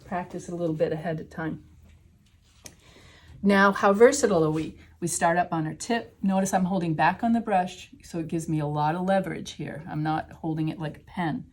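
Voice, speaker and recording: A woman's voice: fairly low pitch, brisk. A woman teaching a watercolor class, talking through each step as she paints. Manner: chatty, explains steps while painting. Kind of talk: live class demonstration.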